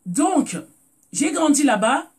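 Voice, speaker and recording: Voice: high voice, very animated, slow. A speaker from Cameroon with a Cameroonian French accent, hosting a casual live talk, repeating words while searching for them and greeting viewers by name. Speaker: live stream host.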